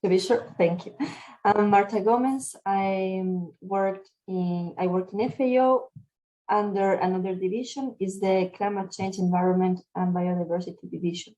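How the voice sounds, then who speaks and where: A woman's voice: mid-range voice, fairly even intonation, moderate pace, warm tone, rough recording. A woman agricultural engineer introducing herself in a webinar over a video call, often repeating words as she restarts.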